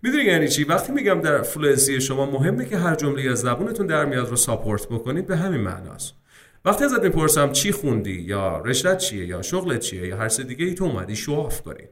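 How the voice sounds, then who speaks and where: A man coaching students for a speaking exam. His pitch swings up and down as he talks, and he drops English words into in a casual, chatty way. His voice sits in a mid range. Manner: lively, addresses viewers as friends, mixes English terms into Persian. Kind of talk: casual exam-prep lesson.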